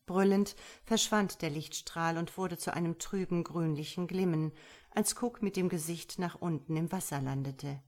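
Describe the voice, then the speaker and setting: In steady, measured scripted narration, a female audiobook narrator with a fairly low voice reads a tense adventure story.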